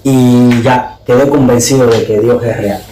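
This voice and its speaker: A man's voice: medium pitch, steady tone, unhurried, warm tone, a little hiss or hum. A man giving an earnest, fervent testimony as a podcast guest, his voice climbing when he is moved. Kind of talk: emotional testimony. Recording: echoey room.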